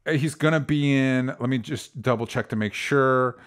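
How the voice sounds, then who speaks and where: A man's voice: medium pitch, normal speed. A man co-hosting a movie podcast, talking casually with frequent fillers and restarts. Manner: chatty, hesitant with fillers and restarts. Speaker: podcast co-host.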